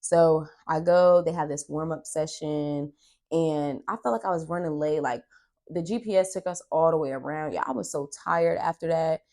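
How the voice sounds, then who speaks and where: Young woman vlogger, low voice, chatty storytime, keeps going "i was like". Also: normal speed, a little mellow. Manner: chatty, retells dialogue with "I was like". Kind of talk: casual storytelling.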